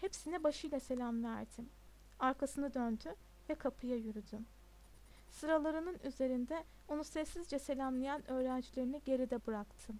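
High-voiced woman reading an audiobook. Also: normal speed, mellow. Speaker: audiobook narrator.

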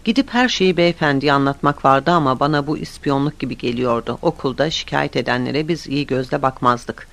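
A man reading a story aloud in the first person, in a steady, plain storytelling manner. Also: medium pitch, brisk, vocal fry, hardly any pauses. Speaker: audiobook narrator. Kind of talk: scripted story narration.

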